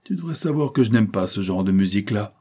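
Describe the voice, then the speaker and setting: A man's voice: on the low side, expressive, fast talker, mellow, husky. A man voicing a ruthless, domineering female adventuress who gives harsh, contemptuous orders. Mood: scornful.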